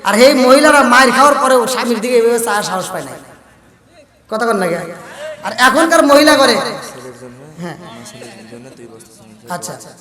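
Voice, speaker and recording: A man's voice: very high-pitched, lively intonation, fast talker, long pauses, sharp tone. A man preaching a waz sermon at a large gathering, telling stories and calling out to the crowd for replies, sometimes breaking into sung verses. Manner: chatty storytelling, calls out to the crowd for replies. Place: large religious gathering, amplified. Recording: echoey hall, voice from far off.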